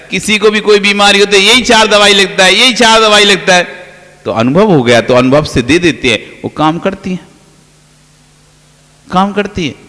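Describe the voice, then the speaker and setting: A man's voice: high-pitched, sharp tone. A man, a Jain monk, giving a sermon, telling everyday stories with playful quoted dialogue and the odd laugh. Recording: long reverb of a hall.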